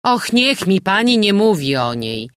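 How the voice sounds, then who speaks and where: A man's voice: high voice, expressive, normal speed, fairly bright tone, no echo, studio quality, pitched above the performer's own voice. A man voicing a talkative, blunt innkeeper woman with a gossipy, emphatic way of speaking.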